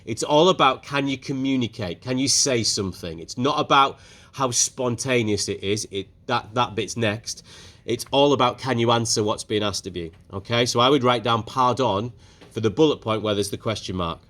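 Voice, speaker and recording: A man teaching a French speaking lesson to his class, brisk and encouraging, putting questions to the pupils. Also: mid-range voice, a bit bright. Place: school classroom.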